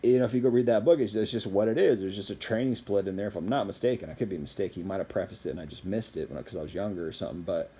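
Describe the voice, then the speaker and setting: A man's voice: fairly low pitch, very fast, hardly any pauses, warm tone, husky. A man giving a casual, rambling opinion monologue as a fitness commentator, repeating phrases for emphasis.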